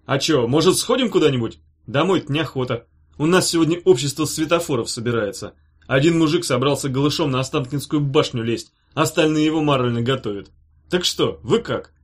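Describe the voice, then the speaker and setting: A man reading a story voices a rowdy, cheerful young prankster who talks loud, brash and slangy. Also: on the high side, a little fast, close to an everyday voice. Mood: boisterous. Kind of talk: audiobook character voice.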